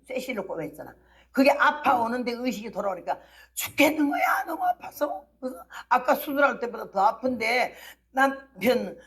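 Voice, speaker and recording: A woman missionary gives a testimony sermon at an early morning service. She tells the story with animated energy and voices the people in it herself. Now and then she rises to a shout or bursts out laughing. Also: on the high side. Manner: lively storytelling, acting out the people she quotes. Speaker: missionary preacher.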